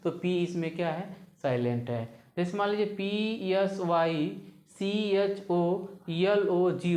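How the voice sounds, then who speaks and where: Lady teacher spelling words out slow, asks then answers herself, lowish voice, roomy echo. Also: darkish tone. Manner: spells out words letter by letter, slowly. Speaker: English teacher. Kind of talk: classroom-style explanation of silent letters.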